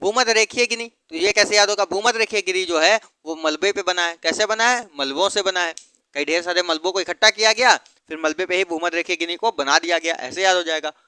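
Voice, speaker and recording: A man's voice: sits high, brisk, bright, forceful tone, clear, resonant tone, dry recording. A man teaching geography through memory tricks, asking questions and then answering them himself. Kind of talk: mnemonic geography lesson.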